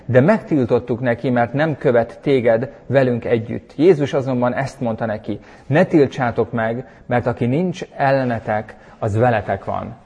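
A man preaching a sermon and leading a prayer, emphatic and animated, with sudden loud bursts. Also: medium pitch. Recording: husky voice in a long-reverb hall.

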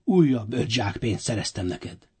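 A man's voice: medium pitch, sing-song, warm tone, breathy edge. A man voicing a diligent, eager servant who reports proudly.

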